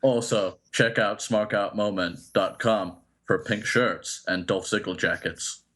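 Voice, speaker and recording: Low-voiced man doing a flat robot voice. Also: unhurried. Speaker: podcast co-host. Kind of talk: reading show plugs in a put-on robotic voice.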